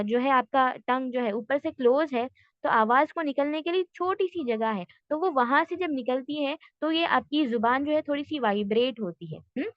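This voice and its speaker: A woman teaching a tajweed class online, patiently explaining step by step and slowly modelling sounds. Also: high-pitched, dry recording, lo-fi sound.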